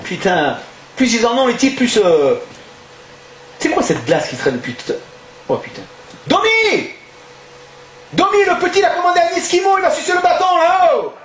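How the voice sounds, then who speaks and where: A man playing a crude, loud restaurant owner from Toulon with a southern French accent, swinging between fake charm and insults in a live stand-up sketch. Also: on the high side, big pitch swings, moderate pace, pauses often, noisy background, voice pushed down. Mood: grumbling. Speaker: stand-up comedian. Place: theatre stage before an audience. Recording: echoey live hall.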